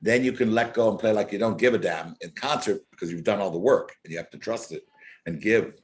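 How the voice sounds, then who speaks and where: Faint violin playing sits behind a man coaching a violin masterclass. His voice is on the low side and a little fast, and he speaks earnestly and emphatically, returning to his key words again and again.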